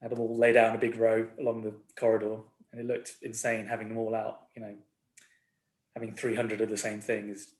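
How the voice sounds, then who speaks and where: A man's voice: lowish voice, completely flat delivery, a little fast. Laid-back rambling man in a roomy echo. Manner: laid-back, rambling, self-deprecating, chuckles often. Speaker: record label owner, guest. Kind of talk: casual chat.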